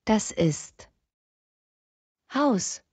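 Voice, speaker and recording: Woman reading single words real slow for learners, dark mellow voice, dry sound. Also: medium pitch, lively intonation, slightly rough, no room sound. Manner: reads single words and short fragments one by one.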